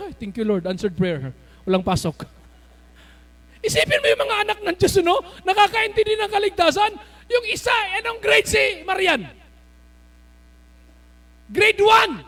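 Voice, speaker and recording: Male pastor, very high voice, swooping lively delivery, shouts and laughs through his stories. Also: unhurried, pauses often. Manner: animated, bursts into shouts and laughter while telling stories. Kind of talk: sermon.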